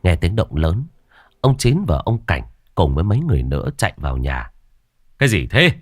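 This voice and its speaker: A man narrating a ghost story in a dramatic, expressive way, voicing every character himself. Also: low-pitched, a little fast, no room sound. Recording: dry voice over faint music. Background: faint background music.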